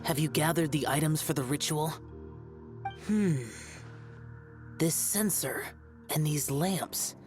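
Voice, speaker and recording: A woman playing a solemn, stern ritual master of arcane arts in a video game, speaking in a formal, grave, measured way. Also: low-pitched, over music. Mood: appraising. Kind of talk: video game character acting.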